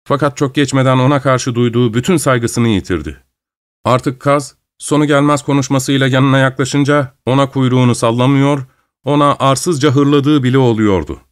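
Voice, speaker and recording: A male audiobook narrator tells a story in calm, measured phrasing. His voice sits at an ordinary middle pitch, and he reads steadily without hurry. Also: clean tone.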